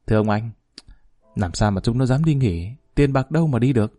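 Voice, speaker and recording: A man voicing a fawning male underling who keeps flattering his boss in a spoken story. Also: mid-range voice, a little fast, no echo, close to an everyday voice.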